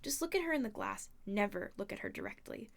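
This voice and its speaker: A woman's voice: medium pitch, expressive, quick pace, gravelly. A woman voicing a brainy, bossy young girl in a storybook reading, speaking with urgent insistence. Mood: brisk, bossy. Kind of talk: audiobook character voice.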